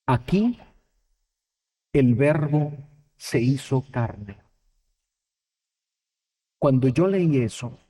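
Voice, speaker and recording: A man's voice: a little high, dark tone. A man, a Bible teacher, preaching a sermon and telling a personal testimony with emotion, acting out the dialogue. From Mexico. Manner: emotional storytelling, acts out dialogue.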